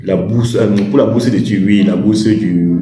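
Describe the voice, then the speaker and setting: Man, casual advice talk, dark mellow voice, lowish pitch, roomy echo. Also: a little slow, slight background noise. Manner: rambling, many restarts and fillers, laughs at himself. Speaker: YouTuber advising on study in China.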